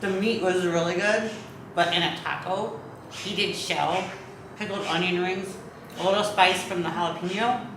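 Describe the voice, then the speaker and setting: A woman's voice: fairly low pitch, steady tone, moderate pace. A woman chatting casually for the camera while she tastes food at home, joking and talkative. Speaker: taste tester and co-host. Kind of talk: casual cooking vlog chat. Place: home kitchen. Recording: very echoey room from far off with faint noise.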